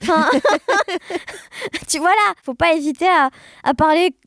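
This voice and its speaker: An amateur audio fiction maker chats informally and animatedly as a guest in a casual conversational interview. She speaks slowly in a very high voice with a fairly bright tone, and the recording has no echo.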